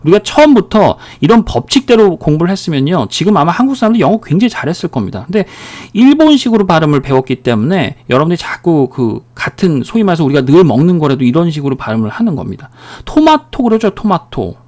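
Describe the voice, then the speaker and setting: A man's voice: on the high side, sing-song, quick pace, few pauses, darkish tone. A man giving a recorded English pronunciation lecture, drilling words and asking the listener questions as he goes. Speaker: English teacher.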